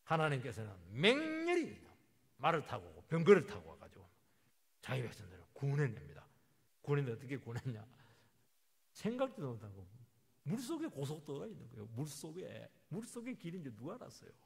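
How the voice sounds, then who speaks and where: A male pastor delivers a sermon with a raspy, somewhat high voice. His pitch leaps wildly from hushed asides to ringing emphatic bursts. The long reverb of a church hall hangs on every phrase. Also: huge pitch swings, brisk. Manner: vivid, dramatic storytelling with sudden emphatic outbursts.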